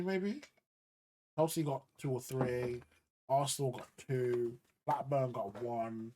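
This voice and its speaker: A man's voice: mid-range voice, a little mellow, low-quality recording. A man podcast host in a casual football debate, insistent, repeating himself to hold the floor and swearing casually.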